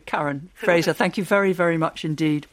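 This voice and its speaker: A radio host leading a live book club event, courteous and lively with hesitant restarts. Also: male voice, on the high side, fairly quick. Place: studio with live audience.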